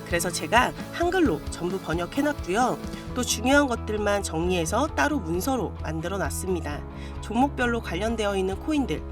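A woman with a mid-pitched voice narrates over clearly audible background music. She delivers a scripted promotional pitch as a video host, earnest and persuasive as she speaks straight to her viewers.

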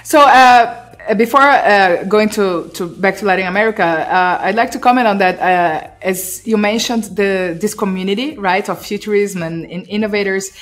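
A woman in her forties hosts a podcast interview from her indoor home studio, speaking eagerly with slightly unusual phrasing into a pop-filtered studio mic while wearing headphones. Her voice is medium-pitched at normal speed with few pauses, and soft music plays in the background.

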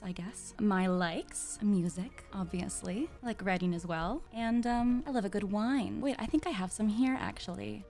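A woman's voice: fairly low pitch, creaky, darkish tone. A woman streaming in character as a demon monarch, talking in a playful, teasing, giggly way.

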